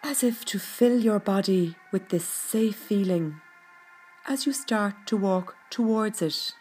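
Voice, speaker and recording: A woman narrating a scripted guided meditation in a soothing, gentle, unhurried manner. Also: medium pitch. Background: background music.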